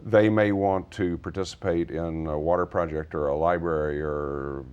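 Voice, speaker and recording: An earnest middle-aged man from Texas, a nonprofit founder, explains things conversationally and at length as an interview guest. His low voice is a little mellow and smooth, with fairly even intonation and a normal speed, and the audio sounds dull.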